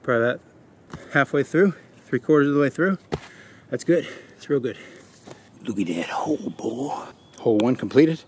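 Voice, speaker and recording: A man's voice: medium pitch, moderate pace, long pauses, slight background noise. A man in his thirties narrating casually to the camera as he works on a craft project outdoors in the woods, talking half to himself. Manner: relaxed, talks to himself while crafting. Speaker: bushcraft vlogger. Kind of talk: casual narration while working.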